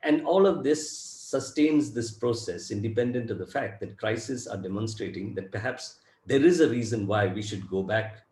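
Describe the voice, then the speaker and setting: A man giving an academic panel talk over a video call, halting with many restarts and fillers. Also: lowish voice, a little mellow, reverberant. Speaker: panelist economist.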